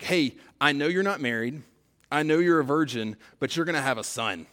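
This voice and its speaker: A man preaching a sermon in a conversational way, building to emphatic peaks and dropping to quiet, stressed lines. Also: fairly high pitch. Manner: conversational preaching with fillers and paraphrased dialogue. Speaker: pastor.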